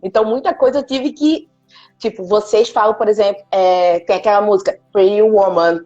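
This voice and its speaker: A woman's voice: mid-range voice, fairly quick, darkish tone. English teacher lady hosting a live, talkative, muffled audio with faint music. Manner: chatty, laughs easily. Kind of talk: casual live-stream chat.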